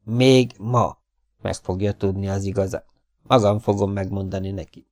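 A man's voice: deep voice, flat delivery, darkish tone, no room sound. A man voicing a desperate, shaken old male farmer in an audiobook, with a trembling, agitated delivery. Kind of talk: audiobook character voice.

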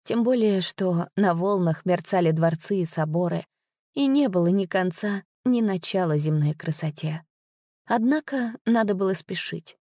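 A woman narrating a story in a measured, unhurried storytelling manner. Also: on the low side, warm tone, no room sound, studio quality. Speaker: audiobook narrator. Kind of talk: scripted narration.

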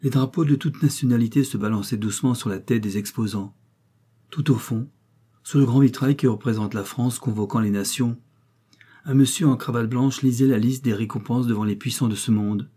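Dark, husky male audiobook narrator. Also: medium pitch. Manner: measured, evenly paced reading. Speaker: audiobook reader. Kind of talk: scripted narration of a novel.

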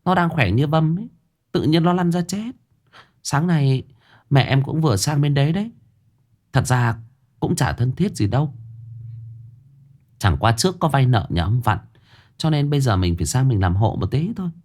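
Male reader doing a gossipy, sharp-tongued young village woman, pitched up high. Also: expressive, normal speed, pauses often, natural voice. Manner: scolding, chatty, indignant.

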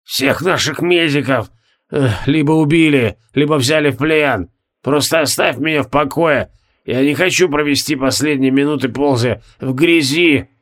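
A man reading an audiobook, voicing a dying one-eyed male wizard marshal who speaks hoarsely, slowly and curtly. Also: fairly high pitch, a bit bright, lightly acted. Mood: weak, bitter. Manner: slow, curt commanding. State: hoarse, barely audible. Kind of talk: audiobook character voice.

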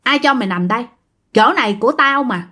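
A woman voicing an angry, territorial old woman ghost who scolds in shrill, rough speech, in a spoken ghost story. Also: animated, fairly quick, pushed and bright. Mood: scolding.

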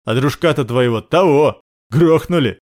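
A man's voice: mid-range voice, moderate pace, a little mellow, close to an everyday voice. A man voicing a crude, mocking male gangster guard.

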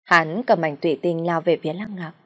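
A woman narrating an audiobook in a steady storytelling read. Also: lowish voice, a little fast. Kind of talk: scripted narration.

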